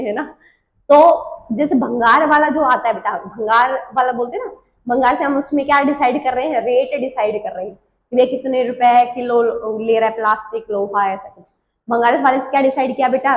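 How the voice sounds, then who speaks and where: A woman teacher with a Hindi accent runs an exam-prep biology lesson, quizzing her students in quick rounds and answering herself. Her voice sits high. The recording has a noticeable room echo. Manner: quizzes students with quick questions and answers herself, calls them beta and bhaiya; uses playful memory tricks and little stories.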